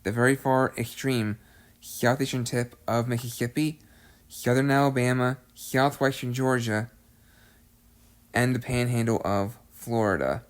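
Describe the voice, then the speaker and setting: A man's voice: mid-range voice, fairly even intonation, a little slow. Man, weather forecast host, a bit out of breath, methodical, repetitive listing. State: slightly out of breath. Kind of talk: reading a severe weather outlook.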